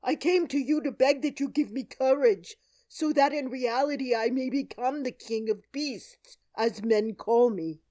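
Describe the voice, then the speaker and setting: A woman's voice: sits high, unhurried, mellow, voice pushed up. A woman reading an audiobook, voicing a cowardly male lion who pleads in a raised, eager voice. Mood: pleading.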